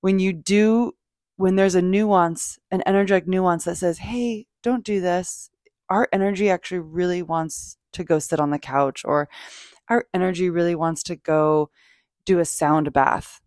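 A woman's voice: on the low side, steady tone, normal speed, darkish tone, dry recording, studio quality. A woman hosting a podcast, talking casually and off the cuff about self-help in a gushing, emphatic, sweary way. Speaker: podcast host. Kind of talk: casual spoken self-help talk, unscripted.

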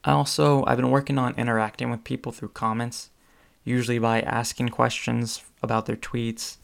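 The young host of this solo podcast has a gravelly, medium-pitched voice that barely moves in pitch and runs at normal speed. His casual monologue is rambling, packed with ums and false starts.

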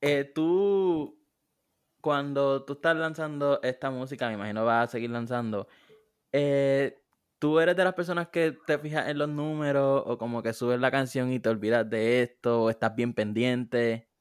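A man's voice: medium pitch, moderate pace, clean tone. A man hosting a casual interview, asking questions and backing his guest with short replies. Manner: friendly, affirming with short backchannels. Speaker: podcast host.

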